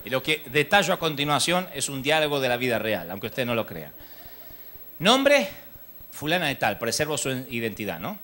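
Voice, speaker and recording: A man's voice: medium pitch, normal speed, a little hiss or hum. A man with a Rioplatense Spanish accent preaching a humorous sermon at a live church conference, telling stories and acting out the dialogue. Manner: animated storytelling, acts out dialogue.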